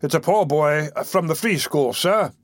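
A man's voice: on the high side, unhurried, dry recording, clean studio sound, voice pushed up, lightly acted. A man voicing a pompous, blustering middle-aged parish beadle in an audiobook, full of self-importance. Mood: indignant.

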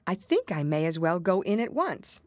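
A woman's voice: on the low side, sing-song, moderate pace, no room sound, clean studio sound. Storybook girl: curious, polite, earnest, voiced by a woman reader.

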